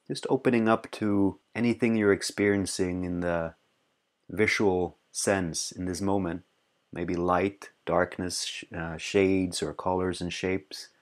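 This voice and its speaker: A low-pitched male teacher guides a meditation, calm and unhurried, with pauses between short, soothing phrases.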